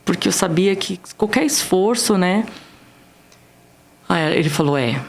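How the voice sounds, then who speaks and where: A woman's voice: fairly low pitch, animated, creaky. A woman with a Brazilian Portuguese accent tells a personal faith testimony on a church podcast, speaking earnestly and acting out the dialogue. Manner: earnest, emotional storytelling that re-enacts dialogue, slowing down on key words. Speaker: guest sharing a testimony.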